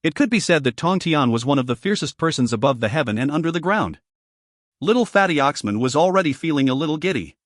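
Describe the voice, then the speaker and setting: A man reading scripted audiobook narration in a steady, even storytelling voice. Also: on the high side, quick pace, dry recording, clean studio sound.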